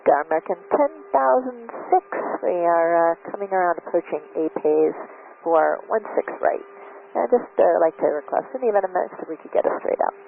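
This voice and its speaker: A male airline pilot over the radio, speaking in clipped, calm call-outs at a brisk clip. His voice sits high and swings widely, with a gravelly edge. It comes through a tinny, narrow radio channel with a steady hiss behind it. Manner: calm, matter-of-fact. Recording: tinny noisy radio transmission.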